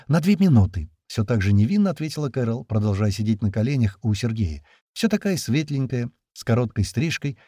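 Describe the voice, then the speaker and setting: A man doing scripted narration of an audiobook with expressive, steady storytelling. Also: medium pitch, breathy edge, no room sound, studio quality.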